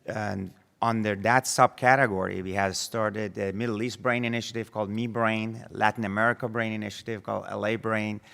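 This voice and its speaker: A man moderating a panel in front of an audience, with halting, stop-and-start phrasing. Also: on the low side, flat delivery, creaky, fairly bright tone. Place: large conference hall. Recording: echoey hall with long reverb.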